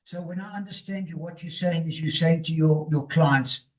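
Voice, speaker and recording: A man's voice: on the high side, normal speed. A man hosting an interview, recapping what his guest says and checking he has understood it. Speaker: interview host. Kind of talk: casual interview.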